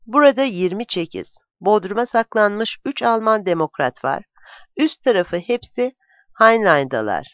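A narrator voicing a desperate male village teacher who shouts in anger, in a dull, dry, lo-fi recording. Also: mid-range voice, lively intonation, unhurried, no echo, pitched above the performer's own voice, lightly acted. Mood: angry.

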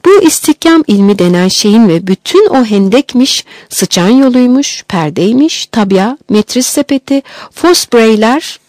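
A woman's voice: on the high side, expressive, measured pace, darkish tone, no room sound, clean studio sound. A woman voicing an irritable, pedantic father in an audiobook, lecturing in an exasperated tone.

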